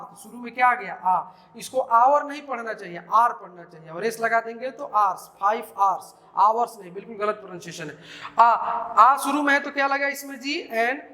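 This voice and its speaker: This is a man with a Bihari Hindi accent giving a grammar lesson in a classroom. His voice sits very high and sounds bright and forceful. He dictates each rule slowly and keeps quizzing the class with short questions. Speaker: teacher.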